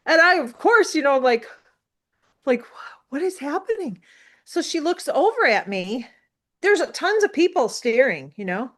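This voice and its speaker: Woman, 60s, from the US, interview guest; animated, rambling storyteller, voice a touch high. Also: normal speed. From United States. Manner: animated, rambling with many fillers. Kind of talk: casual storytelling.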